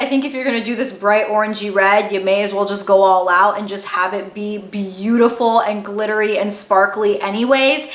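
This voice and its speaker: A woman's voice: a little high, fairly bright tone. Gushing beauty vlogger woman, echoey room. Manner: enthusiastic, gushing. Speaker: beauty vlogger presenting her lipstick line. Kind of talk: product presentation vlog.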